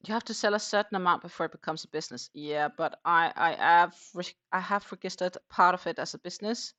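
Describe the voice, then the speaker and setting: A Danish woman with a lowish, slightly bright voice talks fairly quickly in English, her second language. She's hosting a casual crochet livestream, musing aloud with fillers and restarts as she chats and crochets. The sound quality is lo-fi.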